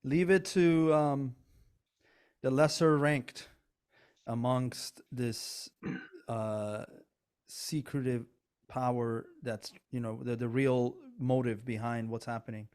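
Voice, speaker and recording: A Persian-accented man from Iran co-hosts a podcast of casual political chat, speaking earnestly and rambling with many restarts and asides. His medium-pitched voice is clear, resonant, and a little mellow, with fairly even intonation. He takes his time.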